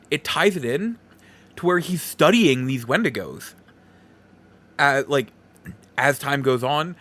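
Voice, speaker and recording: The podcast host speaks in a mid-range, slightly bright voice. He rambles through a casual movie review, keeping the tone conversational.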